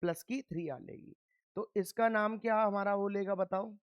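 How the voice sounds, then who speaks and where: Steady in tone and at normal speed, a high-voiced man teaches a chemistry class, asking questions and answering them himself. He firmly scolds students to focus, captured in a dry, muffled recording.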